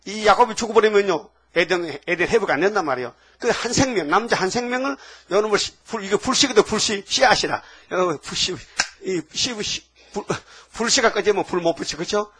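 A man in his seventies preaching a sermon in a folksy, fiery way, with sudden loud outbursts. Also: high voice, lively intonation, brisk, breathy edge. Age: 70s. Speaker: pastor.

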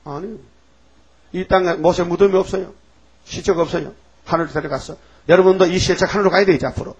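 A male pastor preaching a folksy sermon, prodding the congregation and acting out shouted rebukes in character. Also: high voice, fairly even intonation, fast talker, slightly rough. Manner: acts out shouted rebukes of Satan. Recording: dull lo-fi recording.

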